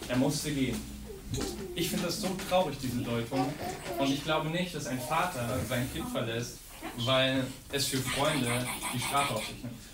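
A man's voice: medium pitch, unhurried. Earnest young man preaching in echoey room. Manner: earnest, animated, acts out psalm voices. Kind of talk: informal sermon. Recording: echoey room, distant mic, noisy.

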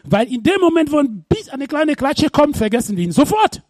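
Animated, high-voiced male preacher. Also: brisk, no echo, studio quality. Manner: animated, rhetorical questions to the congregation; bursts into shouts when retelling. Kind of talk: sermon.

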